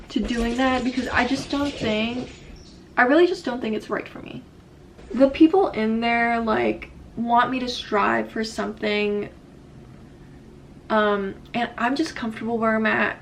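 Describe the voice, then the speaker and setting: A woman's voice: mid-range voice, a bit bright. A young woman chatting casually through a life update while doing her makeup, rambling with lots of "like" and restarts. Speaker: vlogger. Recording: slightly distant mic, faint room noise.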